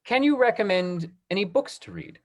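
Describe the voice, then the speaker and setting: The upbeat, encouraging host of this online question-and-answer session is a man with a high-pitched, animated voice at a moderate pace. He runs the talk-back Q&A over a video call, and the audio comes through the call.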